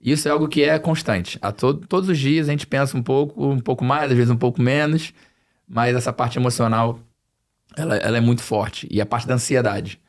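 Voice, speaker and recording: This man's mid-range voice moves fairly quickly as he chats on a podcast about financial planning, his area of expertise. His accent is Brazilian Portuguese lightly blended with European Portuguese, and he repeats phrases to drive points home.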